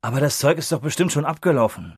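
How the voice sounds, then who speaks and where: Nervous injured man, a man voicing a high, tense protesting tone for audiobook. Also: lively intonation, fast, breathy edge, no echo, clean studio sound. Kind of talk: audiobook reading.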